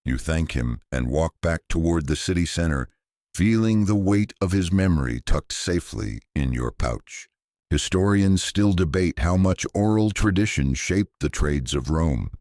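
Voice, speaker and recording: A man narrating a bedtime sleep story in a soft-spoken, unhurried, gently wry scripted way. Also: low-pitched, expressive, no echo, studio quality.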